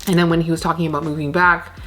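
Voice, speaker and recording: Talking very fast in a low, level voice with a slightly bright edge, this Canadian woman rambles through filler-heavy chatter as she repots plants at home for her plant vlog. Some background noise is audible. A desk camera captures her at medium framing in a plant room full of shelves of plants.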